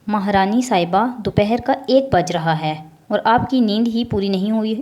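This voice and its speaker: A woman's voice: mid-range voice, darkish tone, muffled recording, natural voice. A woman voicing a stern, angry middle-aged mother who scolds her daughter in a raised voice, in a storybook reading. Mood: scolding.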